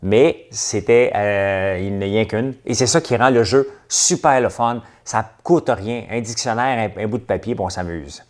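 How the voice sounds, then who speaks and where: A man's voice: lowish voice, moderate pace, hardly any pauses. A man with a Québécois accent hosting a casual livestream chat, rambling and stop-start with lots of hesitations. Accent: Québécois French. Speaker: livestream host.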